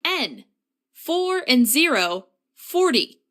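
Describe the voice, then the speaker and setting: Slow, high-pitched woman calling bingo numbers. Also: big pitch swings, fairly bright tone. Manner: deliberate, formulaic bingo caller delivery. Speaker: bingo caller. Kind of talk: bingo calling, numbers announced in set phrases.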